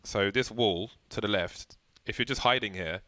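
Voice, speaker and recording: A man giving live play-by-play commentary on a match, with dry, deadpan banter between excited calls. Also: fairly low pitch, normal speed, no echo. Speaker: esports commentator. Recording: light background noise with game gunfire.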